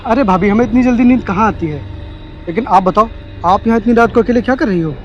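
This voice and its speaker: A young man playing an eager younger brother-in-law who coaxes and flatters. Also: high-pitched, fast talker, lo-fi sound, faint music behind, close to an everyday voice. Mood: coaxing. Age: young adult. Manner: coaxing, flattering.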